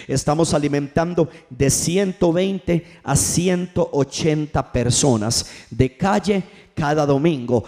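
A pastor's sermon in church, with him prompting the congregation to call back to him. The man's voice sits a little high and sounds a little mellow.

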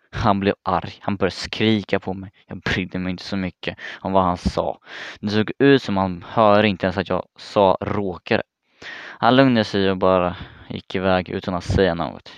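A young man narrating a personal story in the first person, casually and haltingly, often restarting his words. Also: low-pitched, vocal fry, clear, resonant tone, no echo. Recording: dry, slightly muffled recording.

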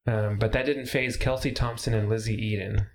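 Man, podcast host, relaxed casual chat, frequent laughs, faint background hiss. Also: on the low side, moderate pace. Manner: laid-back, swears casually, laughs often.

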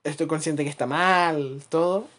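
A man with a Chilean accent chatting casually as a podcast co-host, acting out his anecdotes with lively asides. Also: fairly high pitch, moderate pace. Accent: Chilean Spanish. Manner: animated storyteller, acts out anecdotes, laughs at his own jokes. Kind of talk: casual chat.

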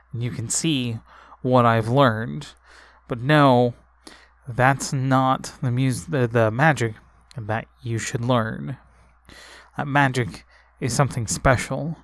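A man voicing a bitter male goblin mage who lectures grimly about dark magic in a tabletop role-play. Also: mid-range voice, dry recording. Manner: grim, lecturing.

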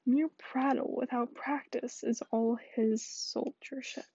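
A woman reading the lines of a bitter, scheming male soldier in a soft whisper, in a dull lo-fi recording. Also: extremely high pitch, steady tone, takes it slowly, vocal fry, breathy edge, no echo, exaggerated voice. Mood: resentful.

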